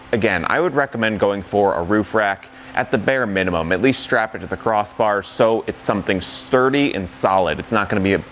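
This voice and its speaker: In a studio bay indoors, a young adult male reviewer demonstrates a product, speaking plainly in a fairly low voice and stepping through the specifics. He doesn't hide its weak spots. A little background noise is audible.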